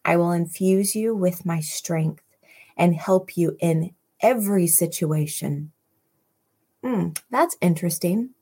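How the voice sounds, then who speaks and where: A woman leads a devotional Bible teaching, reading scripture aloud and pausing to reflect. Her voice is mellow, low-pitched and a little breathy. She speaks at an unhurried, lingering pace. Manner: slow, reflective, pausing to exclaim over verses.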